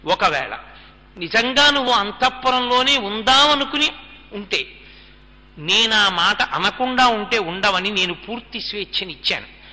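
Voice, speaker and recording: A man voicing a devoted young prince speaking tenderly to his wife, in a gentle, earnest retelling with long hall reverb. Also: sits high, expressive, a little slow, exaggerated voice.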